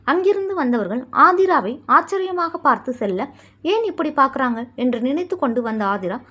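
A woman storyteller reading a story aloud. Her voice is high and lively, with wide swings in pitch, and her narration is measured and expressive. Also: dull audio.

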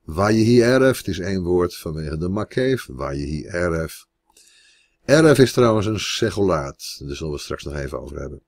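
A man giving a Biblical Hebrew grammar lesson, slow and deliberate, stressing each Hebrew word. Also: sits low, lively intonation, gravelly, dry recording. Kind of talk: grammar lecture.

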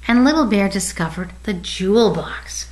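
An older woman reading a children's picture book aloud with gentle, expressive pacing. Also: mid-range voice, normal speed, low-quality recording. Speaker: storybook reader.

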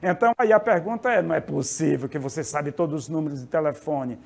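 A man from Brazil teaching Spanish vocabulary in a classroom lesson, lively and often asking the class for agreement. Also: a little high, fast, gravelly.

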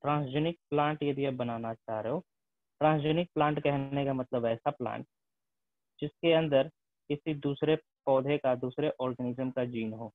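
A man's voice: mid-range voice, fairly even intonation, moderate pace. A male teacher lecturing a class, often dropping English terms into his speech and asking the students whether they follow. The sound is thin and phone-like, with a dry, close feel and no room echo. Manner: mixes English terms into Hindi, repeats tag questions.

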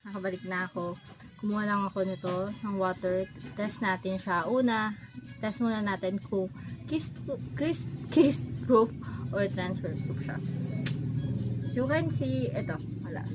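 A Filipino woman with a hoarse, partly lost voice, speaking softly in a casual makeup review from her bedroom. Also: mid-range voice, measured pace, pauses often, over music. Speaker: beauty vlogger. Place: her bedroom in a family house. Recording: noisy home room with TV behind. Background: TV and relatives' noise from nearby rooms.

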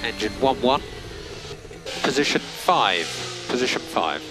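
A race engineer delivers terse instructions and data readouts over team radio, crisp and businesslike, amid vehicle noise and with music in the background. His mid-range voice swings widely in pitch at a measured pace.

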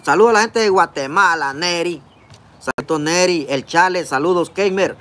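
Seated at a park table outdoors, a Honduran Spanish-accented livestream vlogger in his forties eats while casually reading the chat and greeting viewers by name. Captured close up by his phone camera, his voice sounds a little high, bright and forceful, moving at normal speed.

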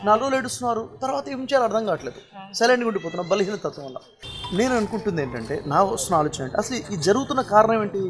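A man's voice: high-pitched, expressive, racing, music in the background. A man giving an earnest motivational talk to a grieving family, preachy and full of rhetorical questions. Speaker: motivational speaker.

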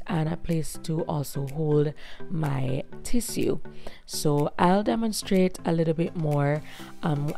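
A woman in her thirties with a hoarse voice, giving a chatty voice-over walkthrough as a vlog host. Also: lowish voice, dark tone. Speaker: host of a home makeover vlog.

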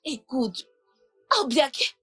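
A woman dubbing a film role as a calm older sister who pleads, soothes and repeats herself. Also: sits high, drawn-out words, breathy edge, soft background music, exaggerated voice. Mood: pleading. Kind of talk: dubbed film acting.

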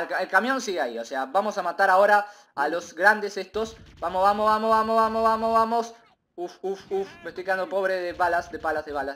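A man giving excitable, rambling gameplay commentary, repeating himself and bursting into shouts. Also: high-pitched. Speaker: gaming video creator.

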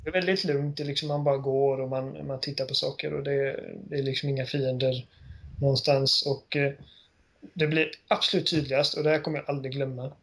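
A man co-hosting a casual game podcast, retelling scenes with animated storytelling. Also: medium pitch. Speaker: podcast co-host. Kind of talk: casual chat.

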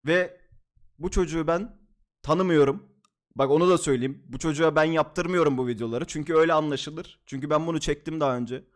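A man's voice: on the high side, a little fast. A young man streaming from home, chatting casually at his desk mic, laughing, swearing and joking as he reacts to videos.

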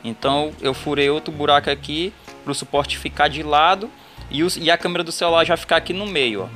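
A Brazilian man with a slightly high voice walks viewers through a homemade setup. His delivery is casual and hands-on, with faint music behind it. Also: steady tone, a little fast, bright, forceful tone. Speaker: vlogger showing a DIY setup.

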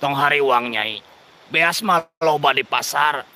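A man putting on the voice of a doting Sundanese villager, speaking slowly and tenderly to comfort a female ghost. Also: sharp tone, exaggerated voice. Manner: slow, tender, low crooning.

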